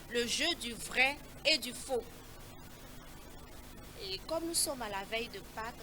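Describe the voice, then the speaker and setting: Bright, sharp-voiced woman hosting a children's Bible quiz; slow, repeated clues; faint background noise. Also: sits high. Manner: slow, repeats each clue, coaxing.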